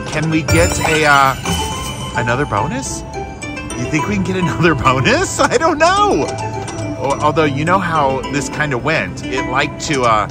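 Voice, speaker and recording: Excitable man with lively pitch over loud music. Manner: excitable, coaxing the machine aloud, repeating short phrases. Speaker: slot machine video host. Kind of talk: casual excited gambling commentary. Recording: loud machine music behind. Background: loud slot machine music.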